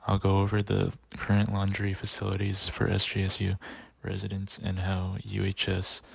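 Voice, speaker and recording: A man's voice: low voice, creaky, breathy edge, no room sound. A young man narrating a class project video about campus laundry rooms, reading plainly. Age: young adult. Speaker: student presenter.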